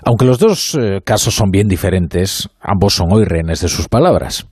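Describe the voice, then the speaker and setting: A radio host from Spain delivering a measured, ironic opinion monologue in a studio, with faint music underneath. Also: male voice, low-pitched, lively intonation, darkish tone, slightly rough, no room sound.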